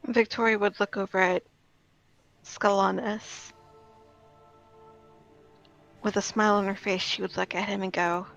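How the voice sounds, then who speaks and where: A woman's voice: mid-range voice, steady tone, moderate pace, vocal fry, fairly bright tone, highs cut off, soft background music. A woman player narrating her character's actions in a tabletop roleplaying game.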